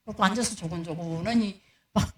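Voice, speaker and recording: A woman's voice: medium pitch, a little fast, a little mellow. A middle-aged woman, a pastor's wife preaching a storytelling sermon and acting out the dialogue she recounts.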